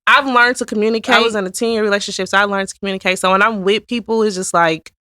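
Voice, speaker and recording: A woman's voice: medium pitch, steady tone, racing, sharp tone, no room sound, studio quality. A woman guest on a podcast, talking frankly and laughing in casual chat. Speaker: podcast guest, business owner.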